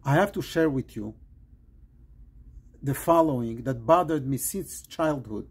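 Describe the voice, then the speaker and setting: A man from Morocco, a rabbi, giving an earnest pre-Shabbat sermon in short, measured phrases. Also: medium pitch, animated, darkish tone, slightly rough.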